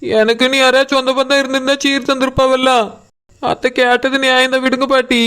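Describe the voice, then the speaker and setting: A woman voicing a meek flat-voiced young wife. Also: high voice, brisk, clear, resonant tone. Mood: tearful. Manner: meek, tearful. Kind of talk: cartoon voice acting.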